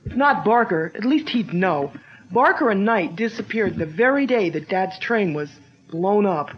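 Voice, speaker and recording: In a 1940s-style radio drama, an actress plays a brave, earnest young woman tracking her father's killer. Her mid-range voice is animated and lightly acted at normal speed, earnest and urgent, heard through a dull, lo-fi old radio recording.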